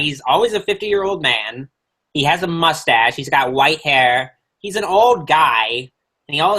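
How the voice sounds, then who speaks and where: A man's voice: a little high, bright, forceful tone, exaggerated voice. A man playing a brash male werewolf horror-host doctor, answering questions in character on a livestream with rambling, crude jokes. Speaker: guest.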